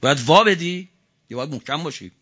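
A man's voice: on the high side, lively intonation, breathy edge. Fiery male preacher, lo-fi. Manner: fiery oratory, swinging from quiet to shouting; chants Arabic quotations slowly. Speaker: cleric preacher. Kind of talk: religious sermon.

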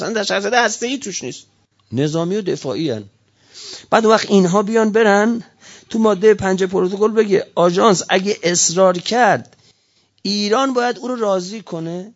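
A man's voice: sits high, lo-fi sound. A man giving an impassioned speech, firing off heated rhetorical questions one after another. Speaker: speaker giving a political talk.

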